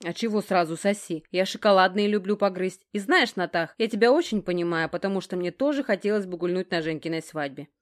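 A woman voices a brash, easygoing young man who covers everything with jokes. He banters loudly and cheekily in an audiobook scene, in a voice close to the reader's own. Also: mid-range voice, brisk, few pauses, lightly acted. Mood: bantering. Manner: bantering, roaring, joking. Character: joking, brash young man, blustery buddy. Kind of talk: audiobook dialogue.

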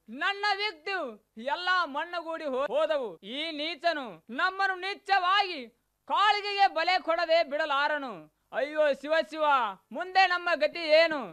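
A proud warrior prince. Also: male voice, very high voice, bright, forceful tone, heavily acted. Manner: heroic, declamatory, rhythmic verse. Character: proud young warrior prince, later despairing. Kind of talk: mythological radio play acting.

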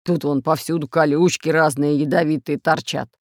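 A woman voicing a gruff male pirate who grumbles at everyone. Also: low voice, fairly even intonation, normal speed, a little mellow, no echo, studio quality. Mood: grumbling.

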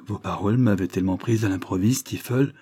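A man voicing a calm, composed woman answering coolly, in his own low, husky voice. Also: brisk, dry recording. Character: calm, reserved woman, a governess.

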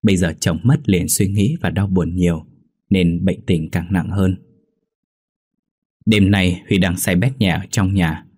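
A man narrating a ghost story in a steady, measured reading voice. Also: deep voice, breathy edge.

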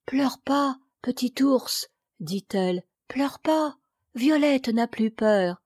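A woman's voice: expressive, takes it slowly, darkish tone, slightly rough, no echo, studio quality, heavily acted. A woman voicing a small, trusting little girl who speaks in baby talk. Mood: tender coaxing. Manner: baby talk, high and tender.

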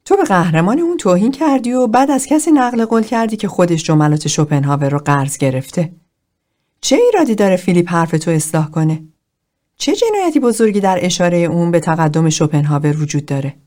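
A woman's voice: lowish voice, expressive, darkish tone, lightly acted. A woman reading the part of a blunt, irritated man who argues pushily in a therapy group. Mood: exasperated. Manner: pushy, argumentative.

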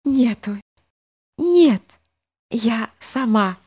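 A woman voicing an excitable, playful young girl who pleads and exclaims. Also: drawn-out words, husky, exaggerated voice. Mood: pleading. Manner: breathless, pleading, high-spirited.

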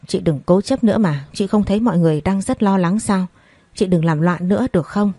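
A woman reading the part of a tearful younger sister who coaxes and begs her older sister to calm down. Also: mid-range voice, fairly quick, no echo, natural voice. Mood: coaxing, tearful. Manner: coaxing, begging.

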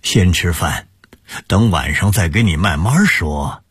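A man voicing a gentle, teasing middle-aged mother, coaxing her family. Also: low-pitched, expressive, measured pace, husky, no room sound, clean studio sound, full character voice. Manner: warm homely coaxing.

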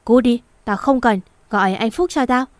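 A woman reading a story and voicing a spoiled, sharp-tongued young rich woman who talks haughtily and rudely. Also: a little high, a little fast, no echo, natural voice. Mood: shrill. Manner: haughty and rude.

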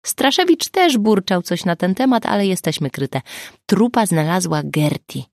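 A woman voicing a calm young woman in an audiobook, speaking soothingly to a friend. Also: fairly low pitch, normal speed, dry recording, clean studio sound. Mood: reassuring. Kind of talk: audiobook character voice.

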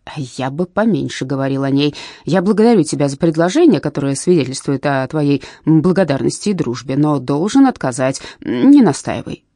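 Brief: woman reader playing a proud, moralizing schoolteacher father in a storybook, raised and lively delivery, dry close sound. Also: low-pitched, fairly quick, dry recording. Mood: stern. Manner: stern, moralizing. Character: principled middle-aged male schoolteacher, stern and proud.

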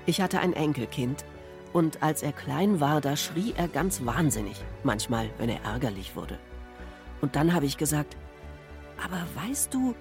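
A woman reading quotes and a children's story with expressive storytelling. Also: deep voice, moderate pace, over music. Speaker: reader.

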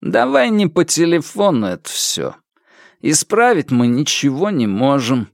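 A lazy, mocking young man, as a male narrator plays him in an audiobook. He drawls slowly in a slightly raised, lively voice, sneering at whoever he talks to. The sound is close and dry. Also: a little high, gravelly, no room sound, voice pushed up, full character voice. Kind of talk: audiobook character voice.

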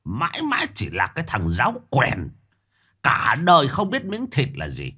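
Man playing domineering village father in a story, shouting harshly, pitch spiking up. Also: wildly swooping pitch, normal speed, husky, heavily acted. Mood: furious shouting. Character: tyrannical rich village patriarch, furious.

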